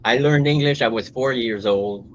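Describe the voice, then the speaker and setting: A man from the border of Quebec and Ontario, chatting casually on a podcast, slow and hesitant with many halting restarts. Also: mid-range voice, slight background noise. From Canada, Quebec-Ontario border. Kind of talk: casual chat. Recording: dull lo-fi remote audio.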